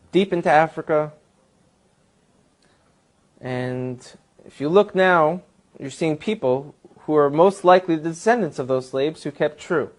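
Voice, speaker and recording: A man with a slightly raised pitch answers as a guest in a long, earnest explanation. He builds his case point by point in a steady lecture-like way. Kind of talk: explanatory talk.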